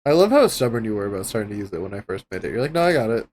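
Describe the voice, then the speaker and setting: A man's voice: on the low side, very animated, very fast, darkish tone, a little hiss or hum. A man playing a tabletop game on a live stream, jokey and laughing often. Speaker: player.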